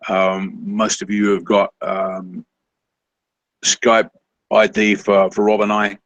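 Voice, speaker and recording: Guy co-hosting an online call, low voice, keeps saying um and restarting, dry close sound. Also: little pitch movement, dry recording, low-quality recording. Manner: halting, many ums and restarts. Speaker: co-host of a seller coaching webinar.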